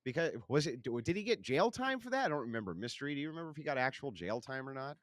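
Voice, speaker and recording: A heated male host on a political livestream, his voice swinging widely in pitch as he mocks and rants. The sound is close and dry, with sarcastic bite in every line. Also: very animated, fast talker, no echo. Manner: angry, sarcastic, mocking voices. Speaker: stream host.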